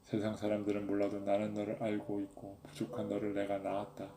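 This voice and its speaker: A male preacher voicing God as a loving father who speaks tenderly and asks gentle questions. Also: fairly low pitch, completely flat delivery, a little fast, a crowd in the background, close to an everyday voice. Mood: tender fatherly. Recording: echoey room, faint background noise.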